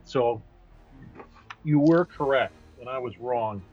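A man's voice: mid-range voice, slow, darkish tone, highs cut off, faint music behind. A man co-hosting a comics podcast, carefully recounting details with many fillers. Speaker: podcast co-host. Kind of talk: casual chat about comics.

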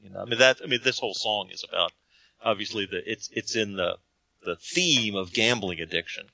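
A man's voice: fairly low pitch, a little fast, gravelly, sharp tone, no echo, highs cut off. A man co-hosting a podcast, talking emphatically about an album and repeating himself as he builds a point. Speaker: podcast co-host. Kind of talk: casual album discussion.

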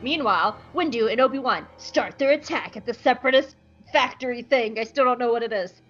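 A woman's voice: on the high side, fairly quick, a bit bright, dull audio, faint music behind. A woman co-hosting a podcast, reading a comedic episode recap in a playful, giggly way from home over a call. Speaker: podcast co-host.

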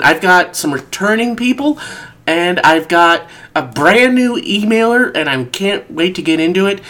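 A man from the American Midwest hosting a casual podcast, stuffed up from a cold, rambling and correcting himself as he goes. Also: on the high side. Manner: rambling, animated, self-correcting. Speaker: podcast host.

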